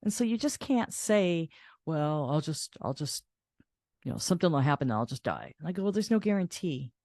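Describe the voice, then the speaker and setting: An older woman host telling a personal caregiving story in a soft, reflective way, restarting her sentences as she goes. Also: deep voice, sing-song, brisk, dry recording, studio quality. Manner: reflective, soft-spoken with frequent laughs and restarts.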